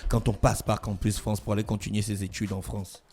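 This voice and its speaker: A man's voice: lowish voice, monotone, brisk, a little mellow. Radio guy hosting a chatty interview, jokey and teasing, bit of background hum. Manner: teasing, jokey banter with guests. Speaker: radio show host. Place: radio studio.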